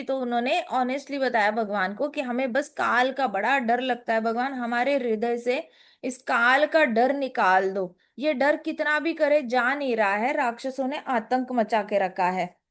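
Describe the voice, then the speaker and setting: A woman's voice: high voice, unhurried. A woman telling a scripture story in a casual, playful way, slipping in English phrases.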